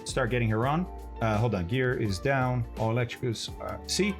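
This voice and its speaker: A man's voice: mid-range voice, moderate pace, faint music behind. A man streaming a flight simulator, chatting casually with viewers, thinking aloud and laughing often. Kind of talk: casual live-stream chat.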